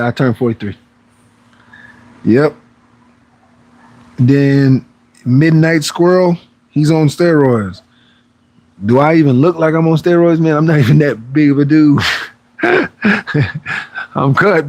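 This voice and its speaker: With a higher-sounding voice on a dry recording, a fortysomething man runs a fitness livestream. He works through viewer questions in casual, laid-back chat that tends to ramble.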